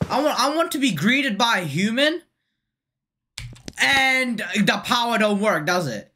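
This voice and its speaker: Woman gamer, horror playthrough commentary, slangy and easily startled, with a bouncy, swooping pitch. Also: expressive, a little slow. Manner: jumpy, slangy, exclaiming loudly. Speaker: gaming YouTuber.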